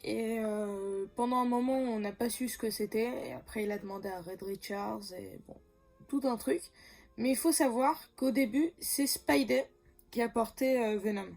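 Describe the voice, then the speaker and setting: A woman's voice: on the high side, normal speed, darkish tone, soft background music. A woman talking casually about comics for her channel, hesitant, with many fillers, self-corrections and frequent laughs. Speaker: comics YouTuber.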